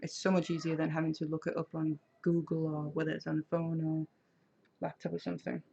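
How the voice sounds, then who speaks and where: A woman's voice: deep voice, completely flat delivery, fairly quick, gravelly, mellow. A woman, chatting casually on a craft live stream and answering viewer comments. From Denmark. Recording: slightly dull lo-fi sound.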